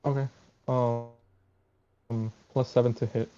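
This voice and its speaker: A man with a warm, mellow voice gives brief, matter-of-fact answers as a player in a tabletop game. His mic sounds dull and lo-fi. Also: medium pitch, little pitch movement, takes it slowly. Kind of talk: casual chat at a game table.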